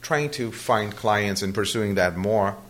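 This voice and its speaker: Answering interview questions, this native Portuguese-speaking Brazilian man hesitates, fills gaps and keeps restarting his sentences. He speaks a little slowly, his lowish voice a bit bright.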